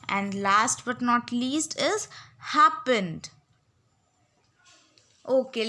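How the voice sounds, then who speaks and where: A woman's voice: a little high, fairly bright tone. A young woman teacher giving a spelling lesson, dictating words and spelling them out letter by letter. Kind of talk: spelling lesson for exam students.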